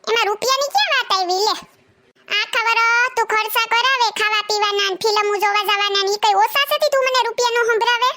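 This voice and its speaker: A penny-pinching young husband, played by a man in a comedy skit, grumbling excuses in a very high, bright voice. He stays defensive and evasive throughout. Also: fast talker, a little hiss or hum, heavily acted.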